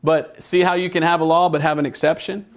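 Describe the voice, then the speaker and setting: A man's voice: a little high, little pitch movement, fairly quick. A man preaching a Bible study in church, telling stories in a chatty way and putting questions to the congregation. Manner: conversational storytelling, asks the congregation questions.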